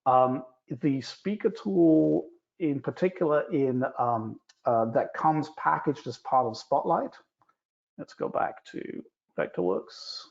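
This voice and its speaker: A man explains software steps and answers questions on a live stream, at an average pitch. He talks in a relaxed, explanatory way with many fillers. The audio is a bit dull and lo-fi. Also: vocal fry. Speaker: guest instructor.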